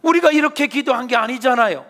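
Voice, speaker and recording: A man voicing a young father in despair, crying out loudly and pleadingly at God. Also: very high voice, quick pace, big-room sound, voice pushed up. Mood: anguished. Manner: loud, pleading and accusing.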